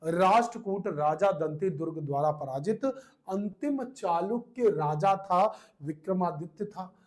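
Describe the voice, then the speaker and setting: A man with a high-pitched voice runs an exam coaching lesson. He repeats each answer several times and nags his students in a playful, scolding way. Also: a little slow. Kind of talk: online class quiz lesson.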